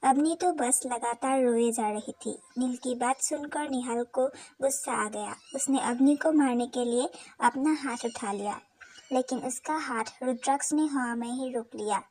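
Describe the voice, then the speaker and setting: A woman narrating an audio novel in an even storytelling read. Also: high voice, normal speed, rough recording.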